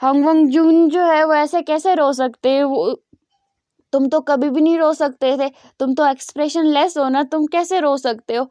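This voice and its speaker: A woman's voice: high voice, steady tone, normal speed, mellow, no echo, close to an everyday voice. A woman voicing a playful, teasing young man in a retold story.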